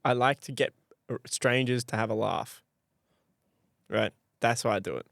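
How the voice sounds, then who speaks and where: A man's voice: mid-range voice, normal speed, creaky, dry recording, clean studio sound. A man chatting casually as a podcast co-host, joking and laughing often. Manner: animated, laughs often, jokey. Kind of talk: casual chat.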